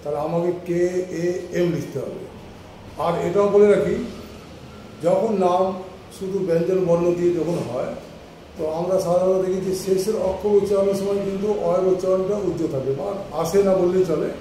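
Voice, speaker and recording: A man's voice: high-pitched, steady tone, fairly quick, mellow, heavy reverb, recorded from a distance, slight background noise, low-quality recording. A man teaching an English class, patiently repeating and spelling out letters one by one. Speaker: English tutor. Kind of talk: online class explanation.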